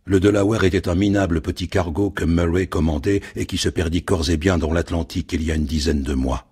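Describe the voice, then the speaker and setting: Male audiobook narrator, very low husky voice, lively expressive reading. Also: fairly quick. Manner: expressive, theatrical.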